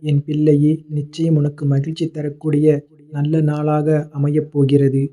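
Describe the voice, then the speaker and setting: A man voicing a fatherly male god who calmly consoles a devotee in a devotional address, repeating tender words of endearment. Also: a little high, measured pace, close to an everyday voice. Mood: consoling. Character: fatherly male god comforting his child.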